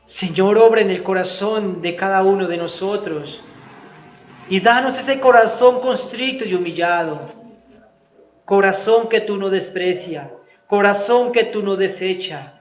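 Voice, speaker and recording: A man preaching a sermon in Spanish, rising into emphatic bursts and then praying quietly and fervently. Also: high voice, measured pace, reverberant, slight background noise. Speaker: pastor. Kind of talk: sermon and spoken prayer.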